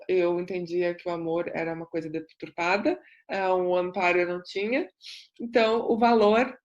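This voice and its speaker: A woman speaking in an earnest, reflective way as a self-development coach, giving a personal testimony with repeated emphasis. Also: mid-range voice.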